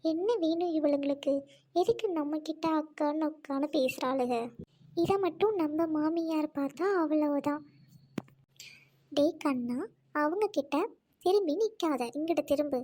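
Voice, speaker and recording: A woman playing a haughty snobbish mother, very high voice. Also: normal speed, dark tone, slight background noise, close to an everyday voice. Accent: Trichy Tamil. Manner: haughty, disdainful, fussy. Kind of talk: comedy skit acting.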